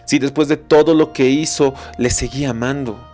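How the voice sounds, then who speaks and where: A male pastor delivers a devotional message, retelling a scripture story with dramatic pauses and deliberate slow stretches. His voice sits at an ordinary middle pitch and stays earnest as he speaks straight to the listener. A faint bed of instrumental music plays underneath. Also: steady tone. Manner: dramatic storytelling, slowing down for emphasis; addresses the listener directly and earnestly. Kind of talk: recorded devotional sermon. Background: soft instrumental music.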